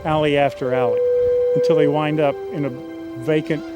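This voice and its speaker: A man's voice: on the high side, little pitch movement, fairly quick. A man, a screenwriter, casually telling the story of his screenplay scene by scene. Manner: casual, with fillers and restarts. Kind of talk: storytelling a film synopsis. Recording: music playing behind.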